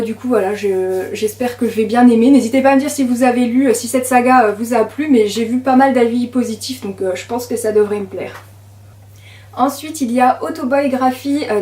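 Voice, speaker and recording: Young woman, book vlogger, chatty and hesitant, higher voice, roomy sound. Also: mellow. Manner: chatty, many fillers and hesitations. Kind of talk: casual chat to camera.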